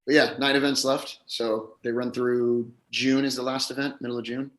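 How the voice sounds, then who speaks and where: A man who is losing his voice, slightly hoarse, chatting casually as a pro athlete being interviewed. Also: mid-range voice, level tone, moderate pace, fairly bright tone, reverberant. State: hoarse, voice a little gone. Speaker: professional golfer, podcast guest. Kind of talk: casual chat.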